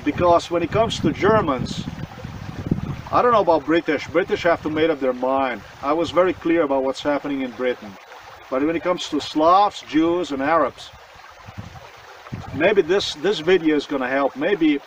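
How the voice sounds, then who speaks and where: A man's voice: fairly high pitch, moderate pace, a little hiss or hum. Insistent man, mic far off. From Slovenia. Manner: earnest, insistent, repeats himself. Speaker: vlogger. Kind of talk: personal monologue to camera. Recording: voice distant from the mic.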